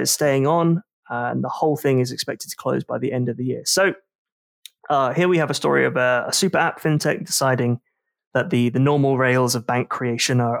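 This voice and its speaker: A man talks through a podcast segment, with a rambling, self-deprecating delivery full of fillers. His voice carries a gravelly fry and sounds dry and close, with no room around it. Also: medium pitch, no echo. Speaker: podcast host. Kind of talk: casual podcast discussion.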